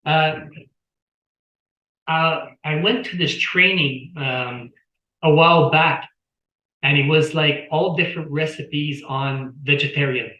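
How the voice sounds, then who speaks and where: A man's voice: a little high, fairly even intonation, takes it slowly, sharp tone, reverberant, highs cut off. A man chatting as an interview guest on a video call, rambling, repeating words and telling anecdotes. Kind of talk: casual explanatory talk.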